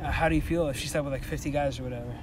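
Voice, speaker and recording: A man's voice: mid-range voice, steady tone, racing. A young man running a casual street interview outdoors on a campus, asking laid-back, probing follow-up questions. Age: young adult. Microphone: handheld recorder. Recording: outdoor crowd and background noise.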